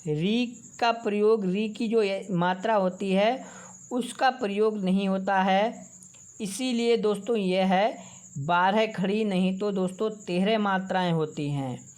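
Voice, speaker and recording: Woman, video teacher, unhurried drill-style syllable reading, mid-pitched. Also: a little mellow. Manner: calls listeners "friends", drawn-out syllables. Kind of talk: slow syllable-by-syllable reading lesson.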